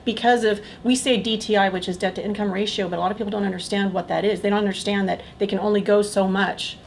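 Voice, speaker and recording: A woman co-hosting a casual chat, prompting questions in a quick, teasing way. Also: medium pitch, fairly even intonation, creaky, a little hiss or hum. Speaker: co-host asking questions.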